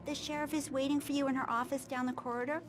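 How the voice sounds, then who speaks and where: Game role: obliging policewoman female actor, high-pitched, courteous, loud music behind. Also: flat delivery, fast talker, natural voice. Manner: courteous, patient. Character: polite, obliging female police station officer. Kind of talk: video game dialogue. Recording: loud background music over voice.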